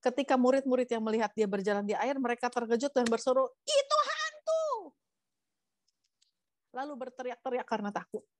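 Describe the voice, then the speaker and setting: A woman pastor from Indonesia giving a casual, chatty sermon, lively and acting out the story's lines. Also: on the high side, fast talker, hardly any pauses, slight background noise. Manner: chatty, lively, acts out quotes. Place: church.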